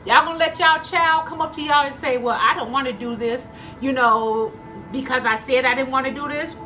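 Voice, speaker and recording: This mukbang vlogger's high voice is bright and forceful at a normal speed, with faint music in the background. She chats with y'all while eating, acting out bits of dialogue in her stories and chewing between phrases.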